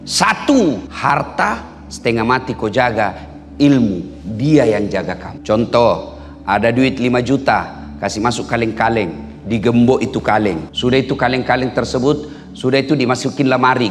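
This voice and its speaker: Animated preacher in a big reverberant hall. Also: male voice, medium pitch. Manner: lively storytelling with audience questions and playful voices. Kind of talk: humorous sermon to a live audience. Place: large hall with live audience.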